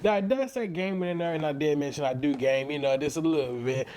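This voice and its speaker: Talking fast in a somewhat high, slightly mellow voice, this St. Louis man reviews a product with casual enthusiasm and plenty of slang. He's a tech reviewer and content creator, and the recording has a little hiss or hum.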